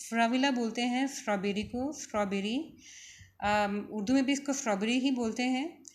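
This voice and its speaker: A woman with a Pakistani Urdu accent teaching a vocabulary lesson, repeating each word slowly for her students. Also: fairly high pitch.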